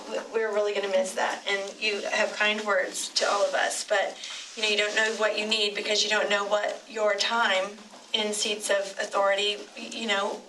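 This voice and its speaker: A middle-aged woman city commissioner giving an unscripted, emotional tribute at a public meeting, halting and digressive with many restarts. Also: mid-range voice, little pitch movement. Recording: distant mic with clear room noise.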